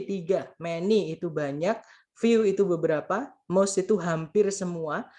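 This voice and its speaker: A grammar tutor giving a casual spoken lesson, patiently repeating points and translating each example while addressing the listeners as friends. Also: mid-range voice.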